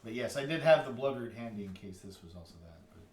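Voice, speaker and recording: A man's voice: on the low side, expressive, quick pace, darkish tone. A man chatting jokily and reading aloud as he plays a tabletop game. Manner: jokey. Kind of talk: casual chat and reading out during a board game. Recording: echoey room, clear background noise.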